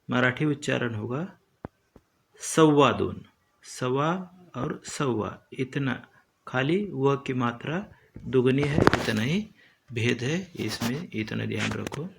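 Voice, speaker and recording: A man teaching a lesson slowly and deliberately, repeating each term as he explains it. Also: medium pitch, gravelly, fairly bright tone.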